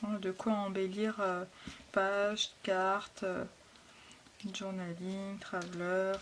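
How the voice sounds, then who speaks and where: A woman hosting a casual scrapbooking haul, talking softly and hesitantly with frequent fillers. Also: medium pitch, little pitch movement, slow pace, slight background noise. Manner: soft, hesitant, lots of fillers. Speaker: scrapbooking vlogger. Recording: packaging crinkles and clicks behind.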